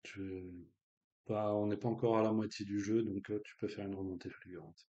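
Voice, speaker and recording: A man's voice: fairly low pitch, little pitch movement, moderate pace, warm tone, muffled recording. A man hosting a live online quiz in a casual, joking way, with slang and lots of fillers. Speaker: quiz host.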